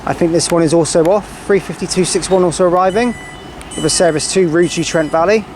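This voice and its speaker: Higher-voiced man commentating on noisy platform. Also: a little fast. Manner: chatty, reels off train numbers. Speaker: trainspotter filming and commentating. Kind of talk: casual running commentary. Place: outdoor railway station platform. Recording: outdoor platform with clear background noise. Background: passing trains, outdoor ambience.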